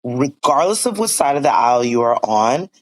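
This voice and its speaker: A man's voice: medium pitch, big pitch swings, normal speed, low-quality recording. A man in his forties from Virginia, talking earnestly and upbeat as a guest in a casual interview, with many "you know" fillers. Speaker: school board member, guest.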